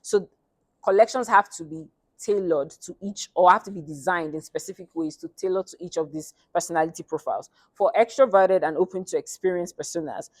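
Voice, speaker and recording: Casting: female student defending a thesis, halting and hesitant, modestly low pitch, very dry recording. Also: dry recording. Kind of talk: academic presentation, semi-scripted.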